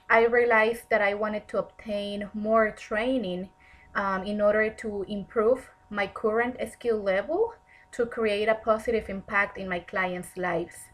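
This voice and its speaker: A Mexican woman in her thirties, a graduate student whose first language is Spanish, reads a prepared self-introduction. Her voice is a little high and the audio poor; she sounds earnest and measured, with frequent ums.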